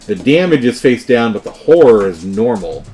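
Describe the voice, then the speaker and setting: Male host, board game let's play; swings between dramatic readings of game text and casual rules talk, animated pitch. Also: normal speed, faint music behind. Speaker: host and player.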